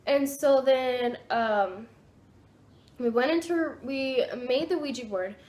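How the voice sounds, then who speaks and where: A young woman telling a storytime vlog from her home kitchen, rambling and excitable, with lots of fillers and restarts. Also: high voice, slow. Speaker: vlogger.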